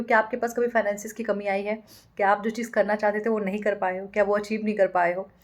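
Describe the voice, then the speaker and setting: A woman's voice: medium pitch, a little mellow. A young woman, a manifestation coach, talking casually and directly to the viewer, sprinkling in English words. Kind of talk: casual spiritual advice talk.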